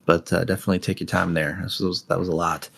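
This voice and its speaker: A man co-hosting a casual podcast, relaxed and friendly, with lots of "uh" between his phrases. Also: sits low, fast talker, gravelly. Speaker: co-host.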